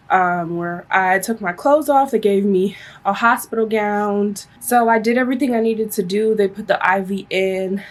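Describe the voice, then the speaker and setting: A woman of around thirty telling a personal story casually to her viewers in a chatty, conversational way. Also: mid-range voice. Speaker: vlogger.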